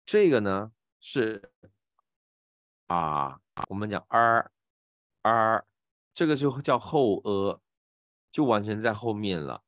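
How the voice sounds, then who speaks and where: Low-voiced Malaysian Mandarin teacher. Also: male voice, big pitch swings, no echo, lo-fi sound. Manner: patient, drawn-out sound demonstrations. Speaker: voice acting teacher. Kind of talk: online class lecture.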